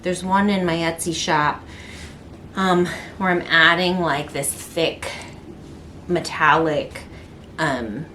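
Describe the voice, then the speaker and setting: A woman's voice: deep voice, steady tone, slow, long pauses, bright, forceful tone, a little hiss or hum. A middle-aged woman artist chatting casually to the camera in her studio, rambling with lots of ums and restarts. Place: indoor art studio.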